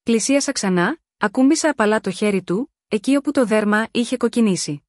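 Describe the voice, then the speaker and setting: A woman's voice: on the high side, animated, dry recording, studio quality. Woman narrating a sensual romance story. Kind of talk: scripted first-person romance narration.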